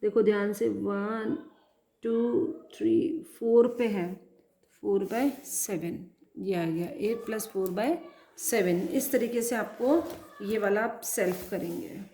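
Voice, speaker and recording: Lady maths teacher, slow patient counting, echoey classroom sound. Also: medium pitch, mellow, slight background noise. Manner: slow and patient, counting aloud and asking pupils questions. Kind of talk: classroom math lesson, writing as she explains.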